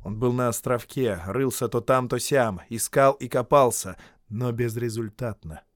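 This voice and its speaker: A man reading a fantasy tale aloud as an audiobook, with expressive storytelling and dramatic shifts in loudness. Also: mid-range voice, measured pace, dry recording, clean studio sound. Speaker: audiobook reader. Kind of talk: scripted narration.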